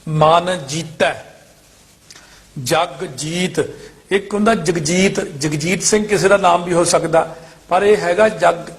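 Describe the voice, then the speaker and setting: High-voiced man chanting and explaining scripture. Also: a bit bright. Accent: Indian Punjabi. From Indian Punjab. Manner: chants verses in a lilting tone, then explains each word deliberately. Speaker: Sikh scripture teacher. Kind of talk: pronunciation lesson with chanted scripture.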